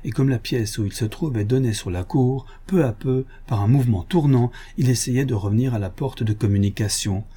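Guy reading a novel aloud, mellow warm voice, calm measured storytelling. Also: medium pitch, breathy edge. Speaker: audiobook narrator. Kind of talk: scripted narration.

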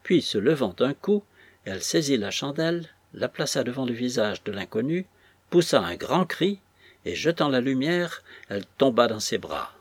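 A man reading a novel aloud as an audiobook narrator, in a measured, dramatic storytelling manner. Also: mid-range voice, very animated, husky, no room sound.

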